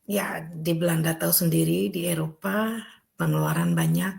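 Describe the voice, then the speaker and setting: An older woman, a grandmother, introducing herself on an online talk in a gentle, soft-spoken way over a video call. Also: on the low side, steady tone, moderate pace, vocal fry. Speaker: guest panelist. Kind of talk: casual chat.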